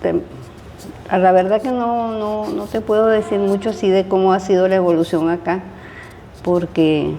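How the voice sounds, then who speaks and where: Older Venezuelan woman, mellow and hesitant. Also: mid-range voice, steady tone, normal speed, a little hiss or hum. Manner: hesitant, many fillers and restarts. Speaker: retired chemistry professor. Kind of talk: interview, casual recollection.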